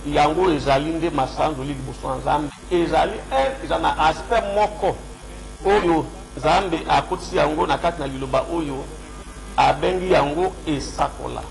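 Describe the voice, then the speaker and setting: On a radio call-in show, a pastor with a cold preaches unhurriedly into a studio mic while wearing headphones, quoting scripture and switching between French and Lingala. His voice sits fairly high with some vocal fry. Soft music plays underneath, and the recording quality is low.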